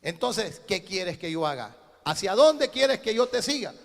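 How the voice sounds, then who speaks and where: Gravelly high-voiced preaching pastor. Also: male voice, sing-song, a little slow, big-room sound. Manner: preaching with rhetorical questions and call-and-response. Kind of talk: sermon.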